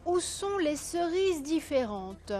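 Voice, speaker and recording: A woman hosting a live call-in TV quiz, her voice hoarse, chatty and coaxing viewers, counting down and correcting herself aloud. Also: sits high, very animated, slow, a little mellow, faint music behind. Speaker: game show host.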